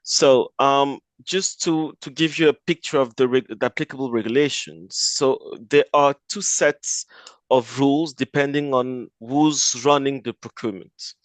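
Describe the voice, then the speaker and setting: A man with a French accent, a native French speaker, giving a measured webinar presentation as a lawyer, with occasional fillers. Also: mid-range voice, dry recording. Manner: measured, slightly hesitant with fillers.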